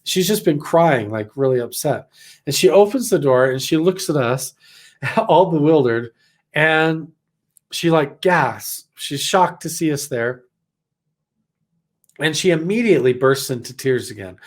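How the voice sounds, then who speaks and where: A man's voice: fairly high pitch, lively intonation, measured pace. Rambling man from Idaho telling a story. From Idaho, USA. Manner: rambling, many "like" fillers, acts out quotes. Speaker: vlogger recounting a personal experience. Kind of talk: casual storytelling.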